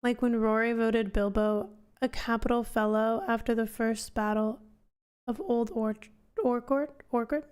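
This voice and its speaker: A woman's voice: fairly high pitch, fairly even intonation, measured pace, darkish tone, clean tone. A woman hosting a book club live stream, chatting casually and rambling as she answers questions from chat. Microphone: headphones on, desk mic.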